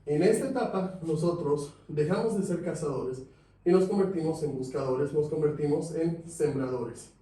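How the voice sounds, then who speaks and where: A man teaching a sales class, lively, asking his students questions. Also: fairly high pitch, normal speed. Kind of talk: classroom lecture. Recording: echoey room, mic at a distance.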